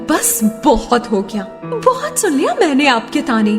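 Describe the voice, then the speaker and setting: Haughty young rich bride, high-pitched, swooping delivery, brash, boastful, cartoon drama. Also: female voice, very animated, unhurried, full character voice. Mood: indignant. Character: spoiled, haughty, hot-tempered rich young daughter-in-law. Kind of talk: Hindi animated moral-story acting. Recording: long reverb, loud background music.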